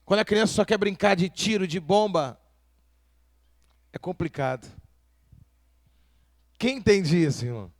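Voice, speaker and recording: Man, pastor, sermon, high-pitched, dry sound, questions to the congregation. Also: a little slow, long pauses, no echo. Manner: preaching with rhetorical questions to the congregation.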